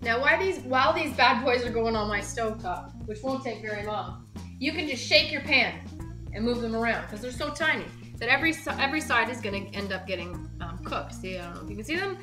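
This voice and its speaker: A young woman hosting a home cooking show, talking casually and brightly straight to the viewer while she works in her kitchen. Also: a little high, animated, brisk. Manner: chatty, upbeat, talks straight to the viewer. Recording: roomy kitchen with music behind.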